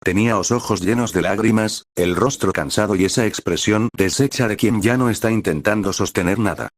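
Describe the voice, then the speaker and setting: A man with a very deep voice narrates a romance story in an even, measured way. The recording is dry and close, with no room sound. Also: no echo.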